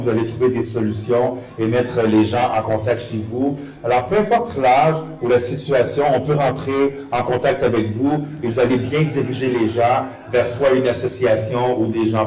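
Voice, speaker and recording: A man with a Quebec French accent hosts and interviews live, pausing often as he phrases things. His voice is medium in pitch. It comes through echoey and a little far from the microphone. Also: darkish tone. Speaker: radio host. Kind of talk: live event hosting and interviewing. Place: live event venue with an audience. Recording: echoey room, distant from microphone.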